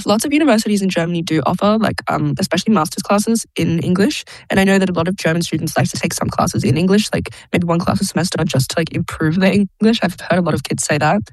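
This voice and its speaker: A young Australian woman, an international student, chats casually in an interview, laughing a lot and peppering her speech with "like" and "um." Her voice sits on the lower side, and the low-quality recording has no room sound.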